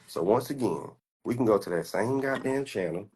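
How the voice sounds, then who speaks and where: A man's voice: fairly low pitch, animated, normal speed, a little mellow, slightly rough. A man in his twenties from the United States, a stock trader giving a boastful, profane, confrontational rant while showing his screen. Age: 20s.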